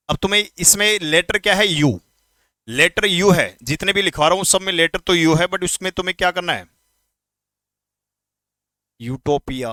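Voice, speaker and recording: During an exam-prep lesson, a man teaches English grammar, talking informally to students, firing off quick questions, and repeating words slowly to drill their pronunciation. His voice is a little high and sounds pushed and bright, with no room sound.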